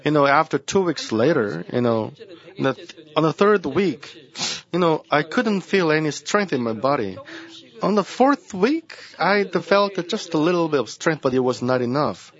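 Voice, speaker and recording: A man's voice: a little high, very animated, moderate pace, muffled recording. A man preaching a sermon as senior pastor, earnest and repeating his key phrases.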